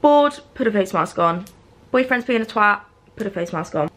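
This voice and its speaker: A woman's voice: mid-range voice, expressive, moderate pace, a bit bright. A hungover woman in her early twenties chatting casually to camera in a scatty, playful, gushing way with lots of slang. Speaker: vlogger.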